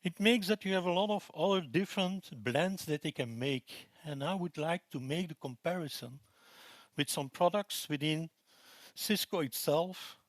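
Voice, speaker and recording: A man's voice: a little high, moderate pace, no echo. Belgian man presenting at a conference. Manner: relaxed, with frequent fillers and restarts. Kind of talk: technical conference talk. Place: conference room.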